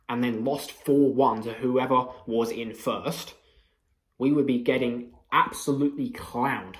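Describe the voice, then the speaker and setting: Passionate young football fan. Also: male voice, medium pitch, roomy sound. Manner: passionate, swearing, mocking rivals. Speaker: football fan channel host. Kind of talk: post-match reaction monologue.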